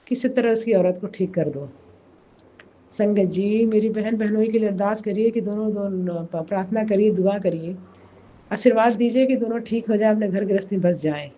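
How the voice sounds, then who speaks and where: A hoarse woman giving an emotional personal testimony, speaking slowly and softly in a pleading way. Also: medium pitch, dull audio. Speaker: devotee sharing a testimony.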